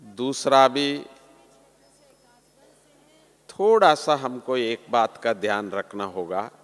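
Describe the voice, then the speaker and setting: Slow, earnest man preaching in a hall. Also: medium pitch. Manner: slow, earnest, drops softly at phrase ends. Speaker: spiritual teacher. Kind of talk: sermon to a large gathering. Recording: long hall reverb.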